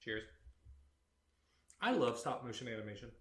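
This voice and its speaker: A man's voice: mid-range voice, sing-song, normal speed. A man co-hosting a podcast in casual chat, rambling with lots of fillers. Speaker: podcast co-host. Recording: echoey room.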